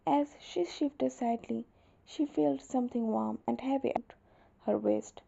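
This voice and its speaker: A woman reading romantic fan fiction aloud in a soft, unhurried storytelling manner, on a dull lo-fi recording. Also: on the high side, gravelly. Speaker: narrator. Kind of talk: scripted fan fiction narration.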